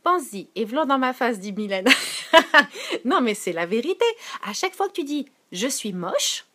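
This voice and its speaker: Lively Quebec French woman preaching. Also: measured pace. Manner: animated, switching to soft low tones for scripture; reads out and answers viewers' comments. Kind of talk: informal live-stream sermon.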